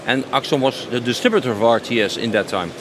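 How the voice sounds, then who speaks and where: A fast-talking man in his 50s, a company sales director, gives spontaneous interview answers at a trade show stand. His mid-pitched voice is enthusiastic, and he often repeats a phrase for emphasis. Obvious background noise suggests a busy exhibition floor.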